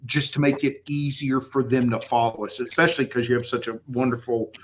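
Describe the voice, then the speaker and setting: A man hosts a casual livestream in a West Texas twang. His speech is a little slurred and his pitch sits in the middle. He talks emphatically and effusively. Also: fairly even intonation, brisk, a little hiss or hum. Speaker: livestream host and photographer.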